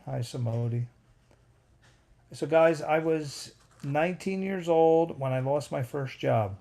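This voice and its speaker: Hosting from his home, a livestreamer in his fifties tells a rambling personal tale in a dark, medium-pitched voice. He regularly cuts away to welcome viewers in the chat by name.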